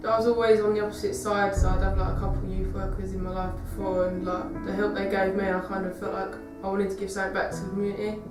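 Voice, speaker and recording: Talking fast with hardly any pauses, this young woman keeps a level tone at medium pitch. She's nineteen and apprenticing in youth work, answering an interviewer loosely and filling her speech with "like." The distant mic picks up a roomy space and faint music.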